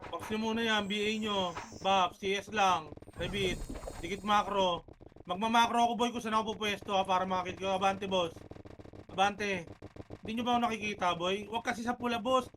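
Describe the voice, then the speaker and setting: A man with a notably high voice calls out rapid countdowns and orders to his gaming team. He barks each call and curses in between, and a constant hum of noise runs under his voice. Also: fairly even intonation, fairly bright tone, rough recording. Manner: rapid barked countdowns and commands, cursing. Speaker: gamer leading a team. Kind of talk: live team callouts while gaming.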